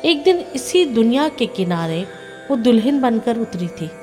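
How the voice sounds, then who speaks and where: Woman storyteller, unhurried, expressive pauses, somewhat high voice. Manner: measured, expressive, dramatic pauses. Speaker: narrator. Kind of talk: storytelling, reading a short story aloud. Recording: reverberant with soft background music.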